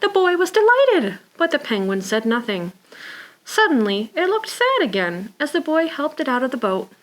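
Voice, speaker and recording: A children's librarian leads a preschool storytime, reading picture books in a high-pitched voice at normal speed. She uses simple words meant for little children and sounds expressive, with sighs, gasps and exclamations.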